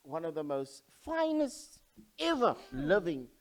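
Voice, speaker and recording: A man's voice: on the high side, wildly swooping pitch, measured pace. A man with a Cape Town accent co-hosting a casual vodcast chat, teasing playfully and mixing English and Afrikaans. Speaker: co-host.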